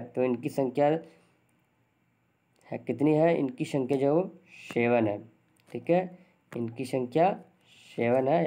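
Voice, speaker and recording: A man's voice: medium pitch, mellow. A man teaching grammar to exam students, asking questions and answering them himself, often repeating definitions. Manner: asks and answers his own questions; repeats definitions, says "thik hai" often. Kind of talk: Hindi grammar lesson.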